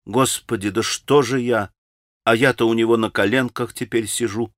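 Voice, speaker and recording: A man's voice: mid-range voice, steady tone, normal speed, a bit bright, no room sound, studio quality, lightly acted. A man reading an audiobook voices a passionate, impulsive young woman who speaks with agitated emotion. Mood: shocked.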